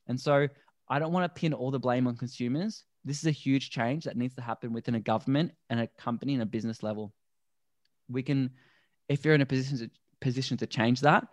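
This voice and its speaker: A man, a guest on a podcast, explaining things earnestly and deliberately in a conversational interview. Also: mid-range voice, no room sound. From Australia. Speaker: podcast guest, endurance athlete.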